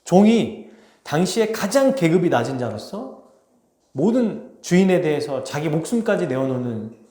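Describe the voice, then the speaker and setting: A man preaching a sermon, his fairly high voice swinging widely in pitch. He talks with the congregation and asks them questions, and he acts out the scripture scenes in dramatic quoted voices. The sound is roomy and echoing, as in a church hall. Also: big pitch swings, moderate pace, warm tone. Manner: dramatizes the text with acted quotes. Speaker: pastor. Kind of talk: expository sermon. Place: church sanctuary.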